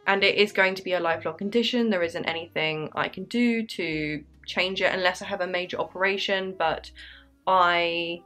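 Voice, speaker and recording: A woman's voice: lowish voice, a bit bright. An English woman of twenty-six, chatting upbeat and apologetic while answering viewer questions in her bedroom, her throat a little dry. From England. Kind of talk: casual Q&A vlog. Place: bedroom with candles.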